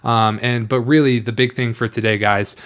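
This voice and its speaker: A man's voice: mid-range voice, steady tone, moderate pace, a bit bright, clean tone. Casual man co-hosting a livestream. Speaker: livestream co-host. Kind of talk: casual livestream sales pitch and chat.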